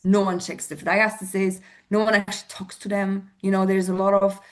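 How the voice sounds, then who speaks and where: A woman's voice: mid-range voice, flat delivery, a little fast. A woman from Poland with a Polish accent, a fitness coach answering interview questions earnestly, with many fillers and restarts.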